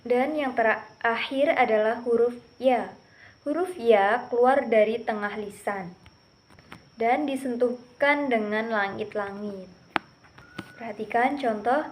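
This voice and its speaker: A young woman with a high voice gives a recitation lesson at a very slow pace. She explains where each letter is formed, then drills the example syllables carefully. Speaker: Quran recitation student.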